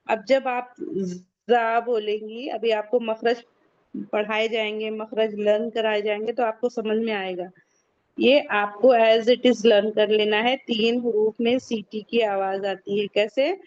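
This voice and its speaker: Woman teacher, online class, fairly high voice, patient and repetitive, muffled lo-fi call audio. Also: fairly even intonation, a little mellow. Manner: patient, repeats key points for students to memorize. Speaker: Quran recitation teacher. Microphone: video call.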